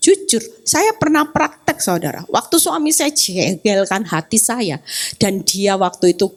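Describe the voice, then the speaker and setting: A woman evangelist preaching a sermon in a lively way to a church congregation, acting out the voices she quotes. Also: mid-range voice, unhurried. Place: church hall, on-site service.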